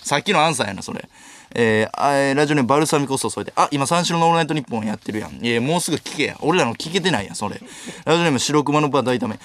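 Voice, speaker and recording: A man in his twenties with a Kansai accent, hosting a late-night radio show alone, reading listener mail rapid-fire and snapping back sharp comic retorts. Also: mid-range voice, expressive. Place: radio studio. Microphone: studio microphone.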